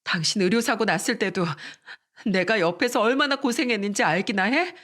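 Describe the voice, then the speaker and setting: A woman's voice: mid-range voice, normal speed, a bit bright, natural voice. A woman voicing an arrogant, cruel male doctor who sneers at his sick wife. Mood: contemptuous. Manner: sneering, contemptuous.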